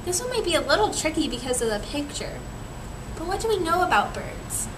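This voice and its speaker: Reading aloud to kids from a picture book, this young adult woman speaks high, very animated, and a little fast, quizzing them teacher-style. She's seated in a small room, recorded by a camera several metres off amid obvious room noise.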